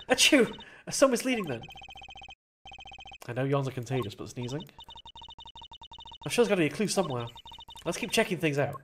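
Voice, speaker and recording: Playfully narrating a let's play, this gamer voices the game's dialogue and comments on the playthrough, jumping up into higher character voices.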